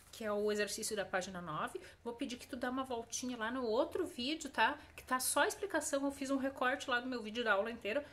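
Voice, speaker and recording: A woman English teacher, giving a recorded online lesson, patiently repeating examples slowly with emphasis and checking in often with short tag questions. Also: fairly high pitch, a bit bright.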